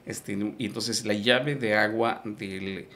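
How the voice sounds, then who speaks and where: Speaking slowly and steadily, a man from Yucatán, Mexico, whose first language is Maya and who has a Yucatecan Spanish accent, answers as an interview guest with patient explanations, many fillers and restarts. His pitch runs low, and his tone is creaky, bright and forceful. There's slight background noise.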